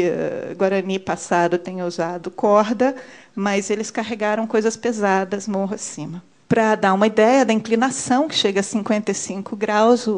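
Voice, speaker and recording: A woman, giving a measured conference talk on a handheld microphone, with many fillers as she points at her slides. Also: medium pitch, darkish tone. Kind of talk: conference presentation. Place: conference room. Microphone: handheld mic.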